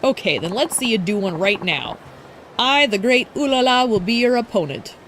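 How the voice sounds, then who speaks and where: A snooty young idol girl who brags and taunts in a raised, sing-song voice, as a woman reads her lines aloud. Her tone swings high and sharp with disdain, all boast and sneer, like a spoiled video game rival. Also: animated, normal speed, slight background noise. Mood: haughty. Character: bratty, arrogant young female rival idol.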